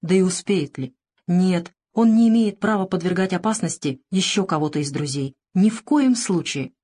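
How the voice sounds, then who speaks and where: A woman reading a crime novel aloud as audiobook narrator, expressive in her reading. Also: lowish voice, moderate pace.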